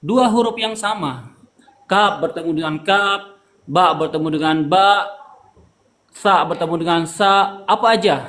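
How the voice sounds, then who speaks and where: A man's voice: high-pitched, measured pace, pauses often, fairly bright tone. A man teaching Quran recitation rules, patiently repeating terms and asking students to read aloud. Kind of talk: online tajwid lesson.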